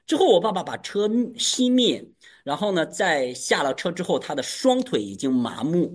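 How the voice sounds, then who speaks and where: Husky, lively man preaching a testimony. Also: normal speed. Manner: animated storytelling with emphatic high peaks. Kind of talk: testimony sermon.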